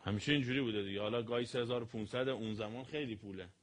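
A man giving a sermon on history, telling it in an animated way with sudden loud and soft swings. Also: mid-range voice.

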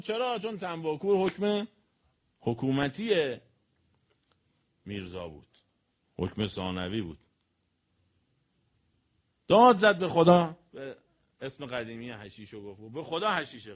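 A man giving a sermon on history, telling it in an animated way with sudden loud and soft swings. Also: high voice.

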